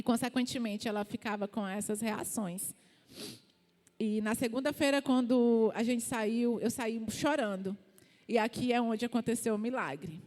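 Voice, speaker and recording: A high-pitched, middle-aged woman with a Brazilian accent delivers an emotional testimony in church, fervent and climbing toward near-shouts at her strongest moments. Her voice rings out with a long reverb trailing through the hall. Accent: Brazilian Portuguese. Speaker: church member giving testimony.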